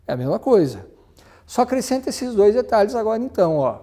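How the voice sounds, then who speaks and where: A man's voice: high-pitched, very animated, a little fast, dark tone. A man with a Brazilian Portuguese accent teaching a grammar lesson, explaining step by step, giving examples and spelling words out.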